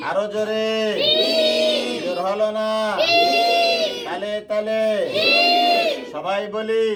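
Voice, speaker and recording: A Quran teacher, slowly drilling a class on letter sounds and urging them to repeat louder. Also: medium pitch. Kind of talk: classroom lesson on letter pronunciation. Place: noisy classroom with students. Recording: noisy classroom with crowd chatter.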